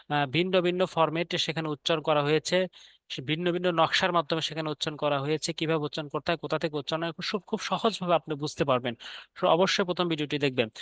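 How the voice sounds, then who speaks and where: A man teaching Arabic letters to beginners, patiently repeating each letter name and filling pauses with hesitant sounds. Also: a little high, fairly bright tone, no room sound. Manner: patient, repetitive drilling of letter names with frequent "ah" fillers. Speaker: Quran reading teacher. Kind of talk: explaining Arabic letters in a lesson.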